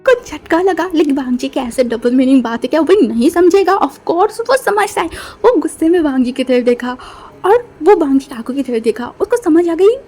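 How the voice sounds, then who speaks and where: A woman tells a story in a casual, chatty way and drops in fillers as she goes. Her voice is high-pitched, with a warm, mellow tone. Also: expressive, normal speed. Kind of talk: casual fanfiction narration.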